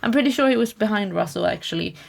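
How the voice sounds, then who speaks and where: A woman's voice: mid-range voice, expressive, fast talker, gravelly. A young woman co-hosting a casual podcast, chatty and wry, full of fillers and restarts. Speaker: podcast co-host. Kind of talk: casual chat.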